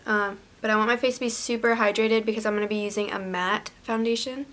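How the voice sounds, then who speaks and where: A woman's voice: mid-range voice, fairly even intonation, fast, fairly bright tone. A young woman vlogging casually to camera indoors, talking in an informal, slangy, sweary way. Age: young adult. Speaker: video creator, channel host. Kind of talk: casual vlog chat to camera.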